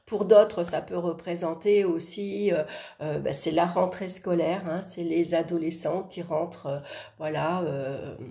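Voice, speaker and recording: A woman hoarse from swollen tonsils speaks softly, giving an informal tarot horoscope reading to viewers. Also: fairly low pitch, fairly even intonation, measured pace. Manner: speaking softly to spare her throat. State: hoarse from a sore throat with tonsillitis. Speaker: tarot card reader and horoscope host.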